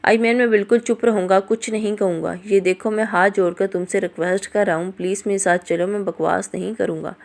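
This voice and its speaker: A teasing young man, playful and pushy, lightly mocking, read by a woman narrating an audio story. The voice stays close to an everyday speaking voice at a middle pitch. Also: fairly even intonation, fairly quick, creaky, few pauses, a little mellow, lightly acted. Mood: pleading.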